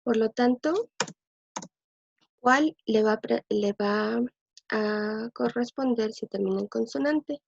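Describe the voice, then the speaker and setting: Slow, husky woman teaching a lesson. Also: on the high side, no echo. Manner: patient, repeats words slowly to drill pronunciation. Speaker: language teacher. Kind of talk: slow explanatory lesson, thinking aloud. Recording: dull lo-fi dry recording.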